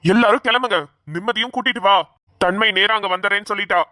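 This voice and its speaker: A woman's voice: mid-range voice, fast, sharp tone, no echo, natural voice. Stern cartoon dad who barks orders, done by a woman, stubborn, dry close sound. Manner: scolding, bossy. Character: stern father, stubborn and quick to anger. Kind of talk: Tamil cartoon voice acting.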